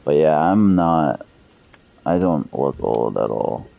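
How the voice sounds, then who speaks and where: Deep-voiced man in his thirties, profane streamer. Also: animated, slow pace, creaky, dull audio. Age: 30s. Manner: profane, loose, chatty with viewers. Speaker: game streamer. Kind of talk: casual live-stream chat.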